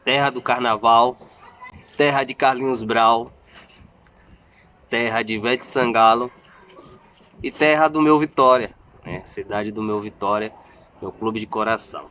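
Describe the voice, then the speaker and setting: Guy in his 30s from salvador brazil, family vlogger, chatty and self-mocking, keeps restarting his sentences, mid pitch. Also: fairly even intonation, unhurried, long pauses, sharp tone, roomy sound, slight background noise. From Salvador, Bahia, Brazil. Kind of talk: casual vlog talk to viewers.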